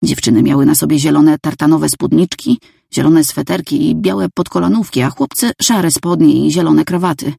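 Woman reading a story aloud, calm, kinda gravelly and dark, dry sound. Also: low voice, normal speed, no room sound. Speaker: audiobook narrator. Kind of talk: scripted first-person narration.

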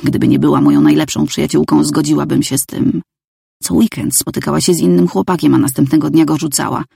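Woman reading a story aloud, calm, kinda gravelly and dark, dry sound. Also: deep voice, fast talker, no room sound. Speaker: audiobook narrator. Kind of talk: scripted first-person narration.

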